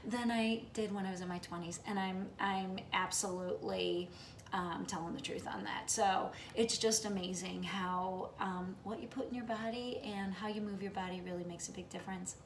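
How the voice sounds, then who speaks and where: A woman's voice: mid-range voice, fairly even intonation, moderate pace, echoey room, a little hiss or hum. A woman in her late fifties talking casually to her viewers in an upbeat, chatty way, often checking in with "okay?". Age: late 50s. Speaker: vlogger. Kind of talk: casual vlog talk to viewers.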